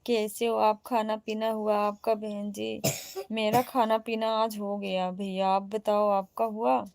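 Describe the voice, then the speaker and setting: A woman's voice: medium pitch, level tone, takes it slowly, gravelly, darkish tone, no echo. A woman with an Awadhi accent, chatting casually on a livestream as she reads out and answers viewer comments one by one. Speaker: live streamer reading viewer comments.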